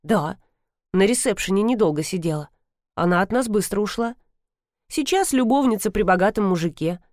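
A woman's voice: mid-range voice, lively intonation, normal speed, darkish tone, dry recording, studio quality, natural voice. A woman voicing a talkative, scornful female acquaintance who snorts at others.

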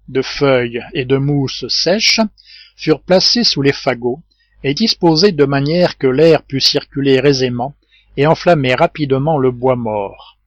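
A man narrating a classic novel as an audiobook reader, in a measured literary way. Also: medium pitch, no room sound, dull audio. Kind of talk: scripted narration.

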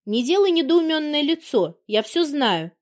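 A woman's voice: high voice, very animated, moderate pace, pitched above the performer's own voice. A woman reading an audiobook voices a furious jilted woman who confronts her ex-lover with biting scorn. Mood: accusing. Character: furious jilted woman, sharp-tongued and accusing.

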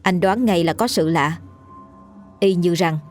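A woman telling a ghost story in steady, dramatic narration. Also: fairly low pitch, unhurried, faint music behind.

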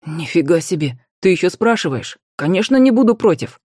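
A woman's voice: deep voice, lively intonation, normal speed, a little mellow, no echo, studio quality. A woman voicing the ghost of a young man who talks in a casual, slangy, eager way for an audiobook. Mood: lively. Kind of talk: audiobook character voice.

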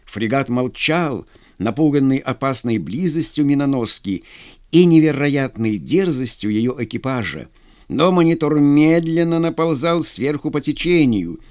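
A male narrator reads a scripted audiobook with dramatic storytelling. His pitch sits mid-range but moves in a lively way. The recording is close and dry, with no room echo. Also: a little slow.

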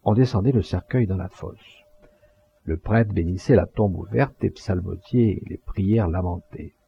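A man reading a novel aloud as an audiobook narrator, measured and expressive, on a close, dry mic in a dull lo-fi recording. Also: low voice, gravelly, slightly rough. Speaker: audiobook reader.

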